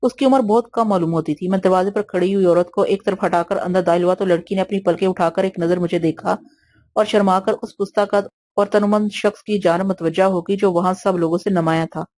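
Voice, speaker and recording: A woman narrating an audio novel in a steady, even storytelling manner. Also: medium pitch, a little hiss or hum. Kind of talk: scripted narration.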